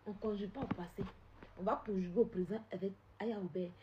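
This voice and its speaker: A woman on a live stream, confrontational and repetitive, swinging from loud outbursts to low scolding. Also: steady tone, fast talker, muffled recording, background noise. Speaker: social media live streamer. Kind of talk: heated live-stream rant.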